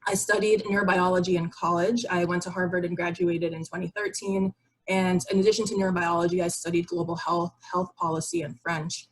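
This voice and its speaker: In an online video meeting with shared slides, a young psychiatry resident from Barbados delivers an informal, explanatory educational presentation conversationally. Her fairly low, husky voice is flat and fairly quick, and the recording is rough.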